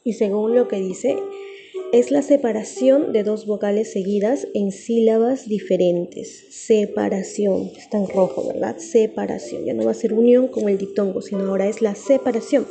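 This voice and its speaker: A woman teacher giving a recorded grammar lesson, patient and repeating key terms slowly for her students. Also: medium pitch, creaky, over music.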